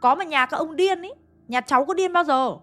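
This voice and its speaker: A woman voicing a fierce, sharp-tongued mad village woman who scolds shrilly. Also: on the high side, slow pace, soft background music. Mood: scolding.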